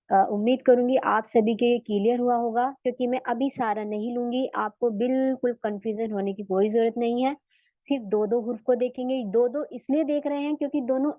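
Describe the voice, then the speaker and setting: A woman teaching an online recitation class, explaining patiently and repeating sounds slowly for students to copy. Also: on the high side, no echo, muffled recording.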